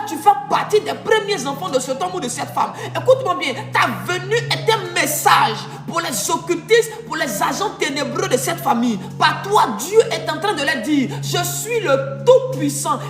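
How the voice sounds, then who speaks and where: A woman preaching a sermon, emphatic, sometimes drawing phrases out in a sung way. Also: very high-pitched. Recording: echoey room with music behind.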